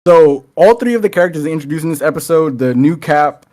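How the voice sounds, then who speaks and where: Man, podcast co-host, casual chat, relaxed, thoughtful, slightly high voice. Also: quick pace.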